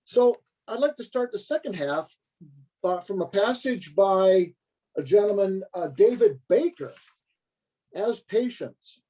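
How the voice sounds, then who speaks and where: Mellow man on a video call. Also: sits high, rough recording. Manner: relaxed, slow and measured reading. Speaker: presenter. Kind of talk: casual chat and poetry reading.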